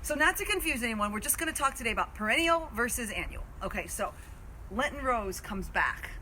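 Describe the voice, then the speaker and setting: A woman hosting an informal live gardening explainer outdoors, explaining in a halting, stop-and-start way. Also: fairly high pitch, lively intonation, bright, forceful tone. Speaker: host of community garden live video. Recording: outdoor live video, clear ambient noise.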